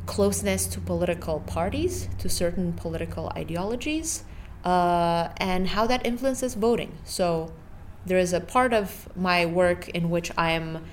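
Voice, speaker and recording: Academic guest: woman in her thirties, lower voice, measured and hesitant. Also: slight background noise. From Romania. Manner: thoughtful, hesitant, many fillers and restarts. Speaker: political science professor, podcast guest. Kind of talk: podcast interview answers.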